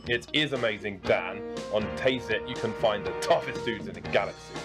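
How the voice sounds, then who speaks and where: A man's voice: fairly low pitch, moderate pace. A man doing a parody ad voice-over in a mock salesman delivery. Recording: ad with loud music.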